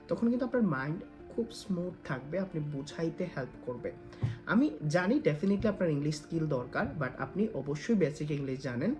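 A man's voice: on the high side, warm tone. A man giving casual advice straight to the viewer, dropping English phrases into his talk. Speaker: freelancer giving career advice. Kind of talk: direct-to-camera advice talk.

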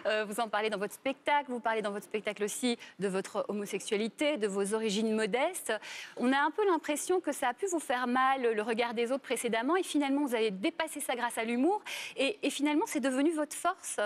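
A woman's voice: fairly high pitch, brisk. A woman hosting a culture interview on a news channel, reading friendly scripted introductions and giving short prompts.

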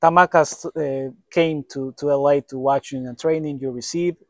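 A man in his thirties with a fairly high voice asks questions in a halting way, pausing to search for words. He is recorded outdoors with a close, dry sound. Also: steady tone, no room sound. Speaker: sports interviewer. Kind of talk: interview questions in second language. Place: outdoors by sports courts.

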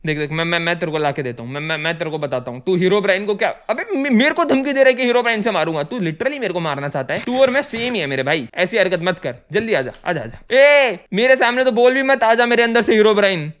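A young man giving loud, excitable let's-play commentary, shouting alarmed bursts as he plays with friends. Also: sits high, fast talker, few pauses. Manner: loud, excitable, yelling bursts of alarm, mixes English exclamations into Hindi. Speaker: gaming YouTuber playing with friends. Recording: game music playing clearly behind.

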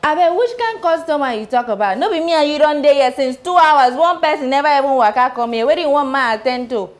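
A woman's voice: a little high, normal speed, lightly acted. An actress playing a sassy young woman who works in a shop, teasing in Nigerian Pidgin. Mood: bantering. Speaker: shop worker. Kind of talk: Nollywood film acting.

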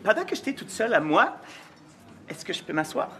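An actor playing a timid, hesitant grown son with a Quebec French accent, halting and nervous in a sitcom. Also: male voice, sits high, big pitch swings, bright, forceful tone, a little hiss or hum, heavily acted.

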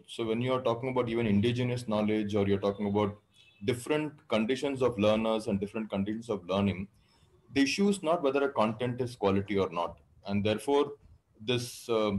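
A middle-aged man speaking on an education panel, talking in a measured, deliberate way and pausing between phrases, heard over a video call. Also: on the low side, darkish tone, echoey room, poor audio. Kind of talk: panel discussion remarks.

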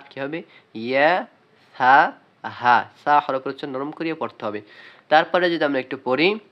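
A man's voice: medium pitch, lo-fi sound. A young man teaching Quran reading in a video lesson, calling out letter names and asking and answering his own questions. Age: young adult. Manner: calls out letter names loudly and slowly.

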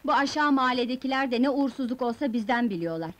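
Brief: fed-up village woman, high voice, indignant complaint, 70s film. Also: animated, rapid-fire. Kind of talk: 1970s film comedy acting.

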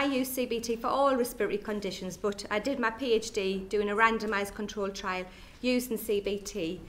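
A chatty Geordie woman, a nurse consultant, gives a conference presentation in a lecture hall at an education day. Her voice is fairly high and a bit bright, and she tosses jokey asides to the audience.

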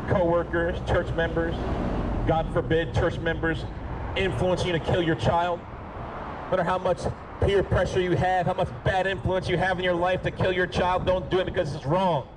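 A man preaches in the open air with a somewhat high, fervent voice that climbs into shouts and sinks into low pleading. Cars and street noise run clearly behind him. It is a raw outdoor recording. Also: flat delivery, moderate pace. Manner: impassioned, pleading and rebuking, swings from shouting to low urging. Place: outdoors by a street with passing traffic. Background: cars passing.

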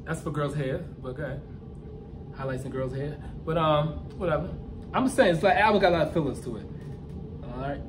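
A man's voice: fairly high pitch, fairly quick, noisy background. A young man hosting a podcast, debating albums in a teasing, dismissive way and often repeating himself. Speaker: podcast host. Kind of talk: casual debate chat.

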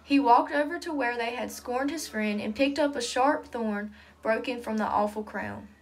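A woman's voice: on the high side, moderate pace. A woman reading a children's story aloud to a youth group in an earnest storybook manner. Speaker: reader.

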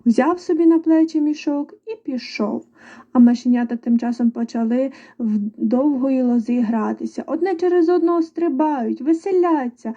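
A woman reading a folk tale aloud to children in a lively, expressive storybook manner. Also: high voice, moderate pace, lo-fi sound.

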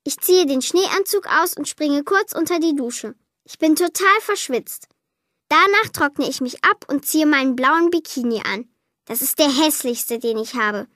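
A woman reading a children's Christmas story aloud, lively and lightly voicing the girl and her parents. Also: high voice, measured pace, no room sound, studio quality. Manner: lively, voices the child, mother and father lightly.

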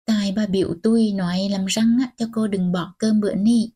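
A woman's voice: mid-range voice, fairly even intonation, moderate pace, mellow, husky, close to an everyday voice. Fussing household maid, read by a woman. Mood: coaxing. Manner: fussing, coaxing.

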